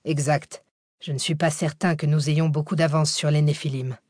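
Woman voicing a male fugitive, terse, lowered voice, audiobook, dry close recording. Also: fairly even intonation, normal speed, a little mellow, no echo. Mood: calm. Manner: terse, clipped replies. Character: sardonic cornered male fugitive driver. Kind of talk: audiobook character voice.

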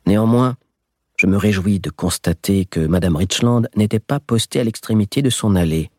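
A man reading a novel aloud in steady first-person narration. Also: fairly low pitch, normal speed, dry recording, clean studio sound. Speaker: audiobook narrator. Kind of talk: scripted narration.

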